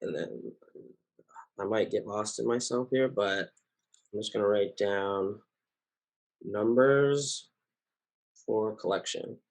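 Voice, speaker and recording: A man with a scratchy, hoarse voice talking casually to his community as founder, earnest and reassuring, rambling with many fillers and self-corrections. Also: lowish voice, slow pace, pauses often. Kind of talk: casual spoken update to followers.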